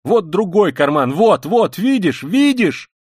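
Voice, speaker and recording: A man's voice: high voice, sing-song, a little slow, darkish tone, breathy edge, no echo, studio quality, pitched above the performer's own voice, exaggerated voice. Man voicing a shrieking, frantic widow. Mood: frantic rage. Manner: screaming, insulting, frantic. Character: hysterical impoverished widow, shrieking, furious.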